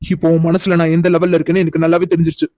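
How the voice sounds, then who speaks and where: A man's voice: fairly high pitch, monotone, racing, a little mellow, dry recording, lightly acted. A man voicing a defensive young cartoon boyfriend. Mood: wounded. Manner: pleading, then bitterly wounded. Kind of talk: cartoon voice acting.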